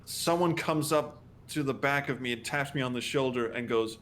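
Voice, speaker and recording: Chatty man with anecdotes, middle pitch, faint low noise on the line. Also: moderate pace, fairly bright tone. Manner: storytelling, laughs often. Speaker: podcast co-host. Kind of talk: casual chat.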